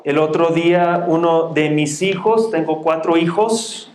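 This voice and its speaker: A pastor in his forties with a Mexican Spanish accent preaches a sermon in a church sanctuary, reading scripture aloud in a raised, projecting voice and making plain, friendly asides to the congregation. His voice is fairly high, a little slow, and a little mellow. The recording has the echo of a church room.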